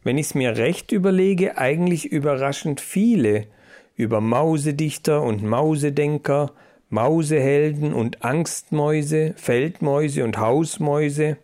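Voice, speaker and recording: A man's voice: a little high, unhurried, a little mellow, lightly acted. A man voicing a clever, thoughtful female mouse who reads and tells stories.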